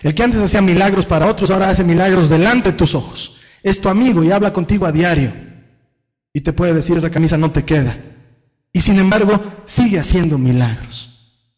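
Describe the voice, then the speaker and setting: Animated high-voiced male preacher. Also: a little fast. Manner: animated preaching, acts out imagined excuses in quoted voices. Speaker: pastor. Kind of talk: sermon. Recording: dull lo-fi sound.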